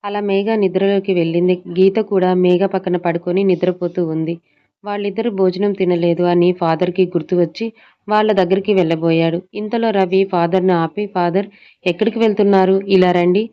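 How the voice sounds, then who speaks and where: Woman narrating an audio serial, calm and even, lowish voice, muffled lo-fi sound. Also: brisk. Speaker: storyteller. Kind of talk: scripted story narration.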